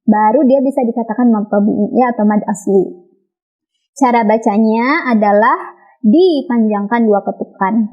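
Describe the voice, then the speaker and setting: High-voiced Indonesian woman teaching children. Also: soft background music. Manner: patient, repeats and models recitation slowly. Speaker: Quran recitation teacher. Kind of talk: online lesson for children. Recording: dull lo-fi recording.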